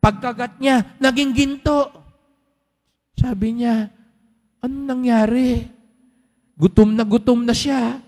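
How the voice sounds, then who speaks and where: A man's voice: extremely high pitch, steady tone, slow, pauses often, a little mellow. A man, a priest giving a Sunday homily, telling a story and talking with his congregation through rhetorical questions. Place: large church. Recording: long church hall reverb.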